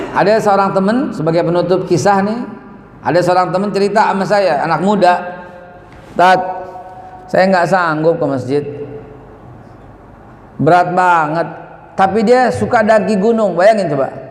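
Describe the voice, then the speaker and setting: A man's voice: sits high, unhurried, pauses often. A man preaching a mosque sermon, emphatic and slangy, his voice rising as he presses a point. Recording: echoey hall reverb.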